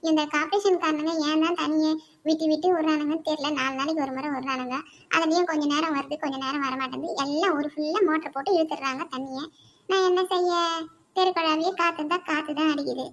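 A woman's voice: sits high, steady tone, fast. A woman voicing a housewife neighbour in a cartoon, complaining gossipily about chores. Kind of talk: cartoon voice acting.

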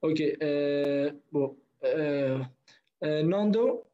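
Slow, patient man teaching online. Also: a little high. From northern Kurdistan. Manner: patient, repeats words slowly for students. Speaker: language teacher. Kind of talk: online class. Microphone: video call. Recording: dull lo-fi online call audio.

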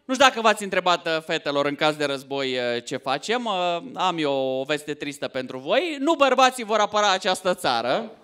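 A man in his thirties from Romania doing a stand-up comedy set on stage, loud and animated, often shouting punchlines. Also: fairly high pitch, hardly any pauses, clear, resonant tone. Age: 30s. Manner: loud, animated, swings into mock voices and shouts. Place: theater stage before a laughing audience.

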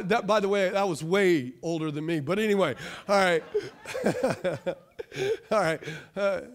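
Male pastor, 30s, very high voice, energetic stage preaching. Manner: animated, call-and-response preaching, pacing the stage. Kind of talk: sermon. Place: church stage, large room.

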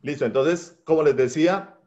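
A man's voice: on the high side, normal speed, darkish tone. A man teaching an online workshop, speaking patiently with many hesitations and fillers. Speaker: language teacher. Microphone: computer mic on a video call. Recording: dull lo-fi online call audio.

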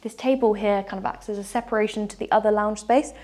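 Her voice sits at medium pitch, steady in tone and a little mellow, moving at a quick pace. The young woman wears a lapel mic as she enthusiastically gestures her way through an upbeat walking tour of a large furnished house.

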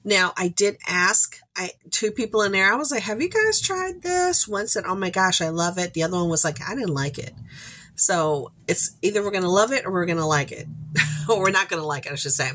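Very animated, brisk, and bright, a forceful medium-pitched voice comes from a congested woman in her forties hosting her haul vlog. She chats casually to camera from a shelved room at home, rambling along with upbeat asides.

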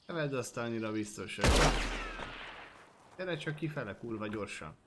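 A man's voice: medium pitch, expressive, heavy background noise. A man streaming a game and commenting casually, joking, swearing and chatting to his horse and viewers.

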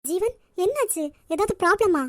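A woman's voice: extremely high pitch, animated, normal speed, no room sound, studio quality. A woman voicing an emotional young woman in a cartoon, who speaks in a pleading way. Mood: gentle. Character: young woman, tender and tearful in love.

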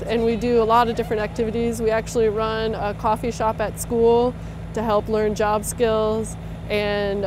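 A woman in her thirties, a teacher, talking casually in an on-camera interview outdoors. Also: fairly high pitch. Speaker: high school teacher and club sponsor. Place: outdoors in a snowy open plaza. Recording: clear outdoor background noise.

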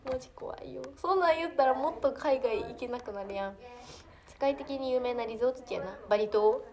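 Brief: teen girl, Kansai accent, fairly high voice, chatty and giggly livestreamer on a phone. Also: fairly quick, darkish tone. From Hyogo, Japan. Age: teens. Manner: chatty, giggly, reacts to comments. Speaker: idol trainee livestreamer. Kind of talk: casual livestream chat reading comments.

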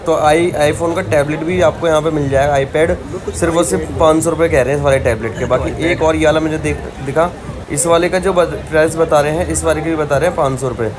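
A young man vlogs while walking through a busy outdoor street market, pointing out goods and their prices as he chats. His voice is on the high side, steady and fairly quick. It's recorded on a handheld phone camera, with crowd chatter and background noise behind him.

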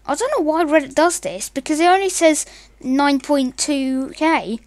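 A young woman giggling and rambling excitably through a casual meme reaction commentary. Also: sits high, normal speed, no echo. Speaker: meme reaction video host.

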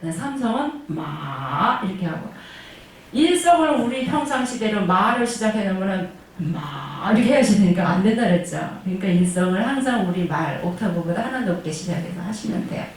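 A woman's voice: medium pitch, expressive, brisk, recorded from a distance. A woman teaching Chinese pronunciation in an online lesson, drilling tones aloud and asking her class questions she answers herself. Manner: demonstrates tones and sounds aloud, sometimes singing them. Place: classroom of a senior welfare center. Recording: very echoey room, voice from afar, faint noise.

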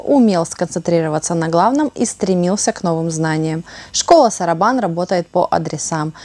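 Upbeat woman weather presenter, low voice. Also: a little mellow, dry recording. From Russia. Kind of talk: scripted weather forecast.

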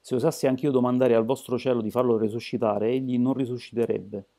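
A man's voice: mid-range voice, steady tone, fairly quick, warm tone, lightly acted. A man voicing an angry, argumentative atheist demagogue in an audiobook. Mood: furious.

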